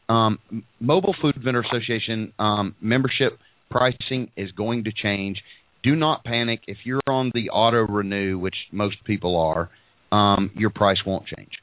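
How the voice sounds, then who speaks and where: The middle-aged man's voice is fairly low in pitch, thick and froggy from congestion, as he hosts his podcast. He rambles through casual show announcements, restarting often and saying um a lot, in a dry recording over a tinny, phone-like line.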